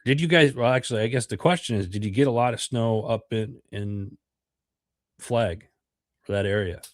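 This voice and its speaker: A middle-aged American man hosts a podcast livestream while congested from a cold. His mid-range voice moves at normal speed through a rambling chat heavy with fillers and repetition. The sound is studio quality and echo-free.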